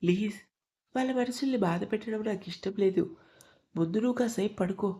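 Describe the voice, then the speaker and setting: A woman voicing an angry young man who is vowing revenge, speaking loudly and forcefully in an audio story. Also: mid-range voice, brisk, close to an everyday voice. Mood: vengeful.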